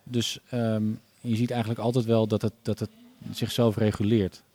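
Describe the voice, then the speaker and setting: A man, a podcast guest talking casually and thoughtfully, often pausing and restarting his sentences. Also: on the low side, little pitch movement, dark tone. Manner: thoughtful, many hesitations and restarts.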